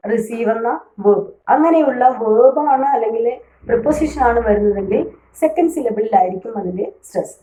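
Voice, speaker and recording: A woman with a fairly high, mellow voice teaches a lesson. She reads each rule out slowly, then explains it patiently. The room around her rings with echo. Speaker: English teacher. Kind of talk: explanatory lesson, mixing two languages. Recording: echoey room.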